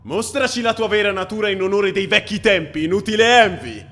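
A man's voice: high-pitched, brisk, slight background noise. A man voicing a cocky, greedy male homunculus in an anime fan dub, mocking and brash. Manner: mocking, brash, shouts when defiant.

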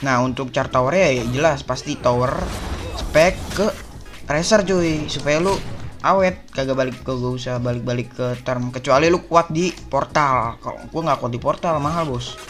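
A man's voice: mid-range voice, moderate pace, fairly bright tone, soft background music. A young man from Indonesia giving casual gameplay tips, chatty and slangy, calling his viewers boss and buddy. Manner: slangy, chummy, addresses viewers as bos and coy. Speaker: gaming YouTuber.

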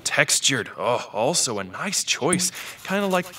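A man's voice: medium pitch, very animated, a little slow, background noise. A man voicing an eccentric, outdated male computer who chats, jokes and laughs at his own puns while guiding kids through instruments. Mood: cheerful. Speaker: instrument selection guide. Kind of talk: scripted educational character. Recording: distant voice over music. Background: music.

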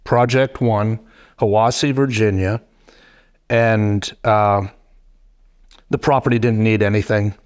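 A middle-aged man hosting a casual podcast interview, talking haltingly with many fillers and restarts into a desk mic in a wood-paneled studio. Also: lowish voice, steady tone, clean tone. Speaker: podcast host. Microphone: boom mic on desk stand.

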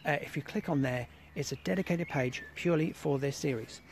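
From an abandoned rail site, a man from England streams a casual live monologue for his exploring broadcast, wandering off track with restarts and filler words again and again. He speaks a little fast in a voice on the high side, over slight background noise in a low-quality recording.

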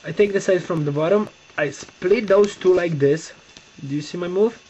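A young Romanian-accented man records a casual step-by-step demo from his bed in a bedroom, speaking haltingly, searching for words and repeating himself. His voice is high-pitched with a darkish tone. The close webcam audio is dull and lo-fi, carrying a faint hiss.

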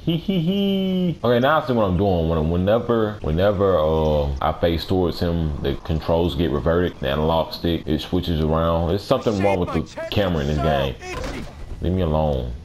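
A young man with a raspy voice doing casual, slangy, playfully complaining commentary over a video game. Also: low voice, brisk, hardly any pauses, darkish tone. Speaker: gaming video host. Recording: noisy track with game sounds behind. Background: video game audio.

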